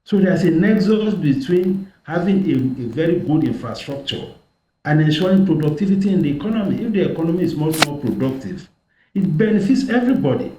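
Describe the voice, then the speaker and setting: Male economist dialing into a panel; remote conference-call sound with a roomy echo; measured, methodical delivery. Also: a little high, expressive, dark tone. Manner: measured, builds points step by step. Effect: remote conference call audio. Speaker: economist guest. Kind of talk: explaining policy on a call-in panel. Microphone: remote call connection. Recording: echoey breaking call line.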